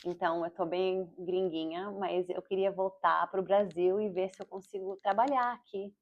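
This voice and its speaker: A Brazilian-born vlogger and comedian in her forties speaks Portuguese with an American English accent, in a medium-pitched, steady voice. She talks fast and rambles with self-corrections in a casual video diary, recorded with slightly dull lo-fi audio.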